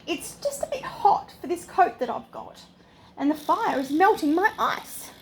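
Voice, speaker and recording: An older woman, a sweet old lady, voicing a polite, apologetic male polar bear from a storybook, courteous and gently pleading. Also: very high-pitched, sing-song, measured pace, a little hiss or hum, heavily acted, low-quality recording. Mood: politely regretful.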